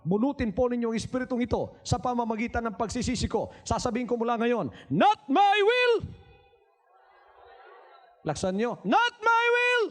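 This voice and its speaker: A man preaching a sermon in Taglish, repeating words for emphasis, swinging from quiet asides to shouted cries, and firing questions at his congregation. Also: extremely high pitch. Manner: asks the crowd rhetorical questions. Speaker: pastor.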